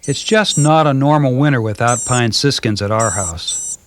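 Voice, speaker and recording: A man narrates in a calm, measured, gently descriptive way, his voice sitting at an ordinary middle pitch. It comes from a worn VHS tape copy with a faint hiss underneath. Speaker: narrator and host of a backyard birding video. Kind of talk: scripted documentary narration.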